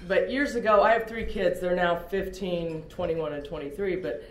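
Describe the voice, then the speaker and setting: A woman's voice: fairly low pitch, moderate pace. Candid middle-aged woman in echoey room. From Oklahoma, USA. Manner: candid, self-deprecating storytelling. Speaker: recovery meeting speaker. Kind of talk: personal testimony talk.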